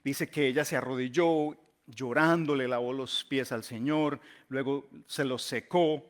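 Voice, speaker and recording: A male pastor delivers a sermon in a storytelling style. He stresses key words by stretching them out, and his phrase endings fall away softly. His pitch sits at an ordinary middle level for a man. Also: fairly even intonation, measured pace.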